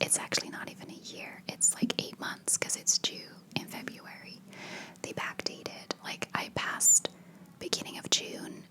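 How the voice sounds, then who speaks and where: Woman in a hushed whisper, casually rambling. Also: rough recording. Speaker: ASMR video creator.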